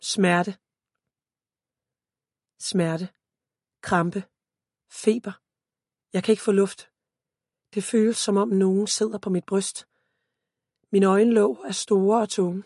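A woman reading a first-person story aloud as an audiobook narrator, in a calm, steady voice. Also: mid-range voice, long pauses, slightly rough, no echo, clean studio sound.

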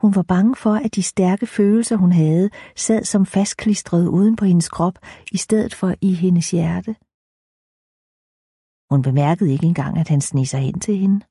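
Woman audiobook narrator, even and measured, husky voice in a dry, close recording. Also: fairly low pitch, no echo.

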